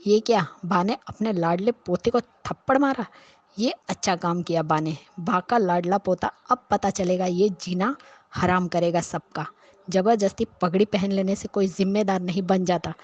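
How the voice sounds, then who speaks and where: A woman's voice: on the low side, moderate pace, dull audio. A woman recapping a TV serial episode as a viewer, outspoken and scolding the characters as she goes. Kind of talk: casual episode recap and commentary.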